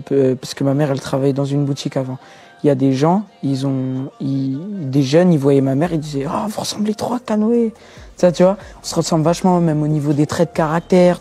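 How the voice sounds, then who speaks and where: A teenage rapper, talking in loose street slang during an interview. His voice sits a little high but sounds dark and mellow. He drops in constant "tu vois" asides and stacks repeated words for emphasis. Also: breathy edge. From France. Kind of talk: casual interview talk.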